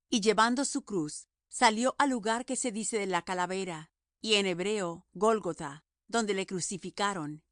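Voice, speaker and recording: Female audiobook narrator, solemn measured scripture reading, dry booth sound. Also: mid-range voice, fairly bright tone, no room sound.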